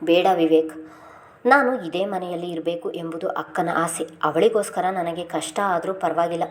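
A woman's voice: on the low side, moderate pace, lightly acted. A woman voicing a stubborn, hurt young wife who speaks firmly and defiantly. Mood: sad. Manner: defiant, firm.

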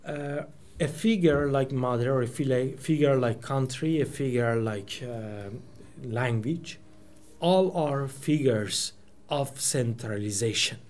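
Speaking slowly in a slightly mellow, medium-pitched voice, a Persian-speaking Iranian man in his forties delivers a reflective talk in a small meeting room, picked up by a table microphone. He gropes thoughtfully for words, with frequent restarts and fillers.

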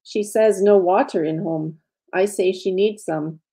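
Village translator, female, blunt broken English, mellow tone, read by a woman. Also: medium pitch, unhurried, slightly rough. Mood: matter-of-fact. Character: local woman translator, plain-spoken. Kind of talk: reading aloud from her own story.

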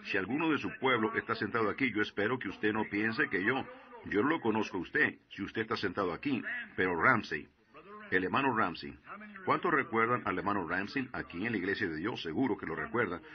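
A man's voice: on the low side, animated, a little fast. A man preaching a sermon, telling a story and asking the congregation questions. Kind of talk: sermon, Spanish voicing of a translated sermon. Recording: dull lo-fi sermon recording.

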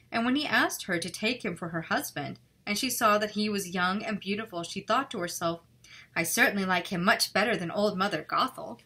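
A woman illustrator reading a fairy tale aloud and chatting casually about her drawing, relaxed and self-critical. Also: medium pitch. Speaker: illustrator and channel host. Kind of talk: storybook reading and casual art commentary.

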